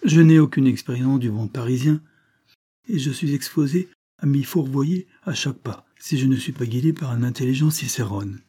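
A man reading aloud, voicing a smooth foreign gentleman who plays a naive count, effusive and ingratiating. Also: medium pitch, normal speed, natural voice.

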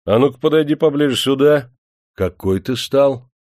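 A man voicing a stern, domineering male factory master who barks gruff commands in an audiobook. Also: medium pitch, lively intonation, normal speed, darkish tone, no echo, studio quality, voice pushed up, natural voice. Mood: imperious.

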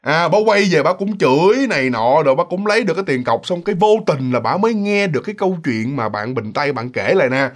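A man's voice: a little high, quick pace, hardly any pauses. A man telling a ghost story and talking straight to his listeners. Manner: animated, talks straight to listeners. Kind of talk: spoken ghost story narration.

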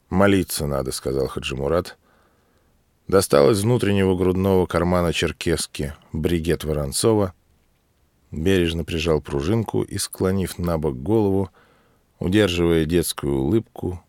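A man narrating a classic novel as an audiobook, reading in a measured literary way and lifting his pitch for some characters' lines. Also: darkish tone, no room sound, clean studio sound.

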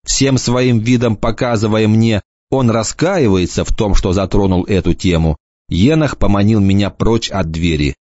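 A man reading an audiobook in a measured, scripted narration. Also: on the low side, darkish tone, no echo, lo-fi sound.

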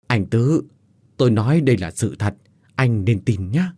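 A man's voice: mid-range voice, expressive, moderate pace, dark tone, no room sound, clean studio sound. A man voicing a stern, grieving village man who speaks in a grave, firm way.

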